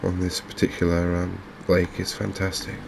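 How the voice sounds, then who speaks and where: Here an English man with a deep voice softly comments on a game for an ASMR gaming video he hosts. He never rushes, pauses a bit hesitantly, and muses gently in an extremely even, edge-gravelled tone. A faint background of fan and open-window noise is present.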